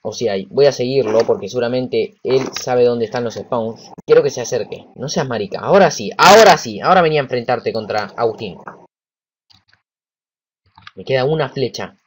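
A man with a Rioplatense Spanish accent giving casual let's-play commentary. He is excitable, talks to himself and to the game, and swears when frustrated. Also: medium pitch, normal speed, a little hiss or hum, poor audio. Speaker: gameplay commentator.

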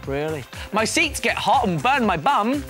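A man's voice: sits high, very animated, unhurried, music in the background. A man in his thirties with a British accent, hosting a live TV quiz with casual, playfully incredulous banter. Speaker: live TV quiz show host. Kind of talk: casual, bantering chat with a caller. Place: TV studio set.

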